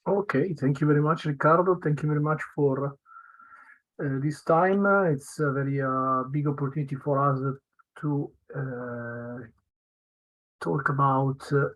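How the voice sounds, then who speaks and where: A man from Italy with an Italian accent presents a webinar in halting, broken non-native English, as a solution engineer going through slides. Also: mid-range voice, fairly even intonation, a bit bright, low-quality recording. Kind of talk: semi-scripted slide presentation.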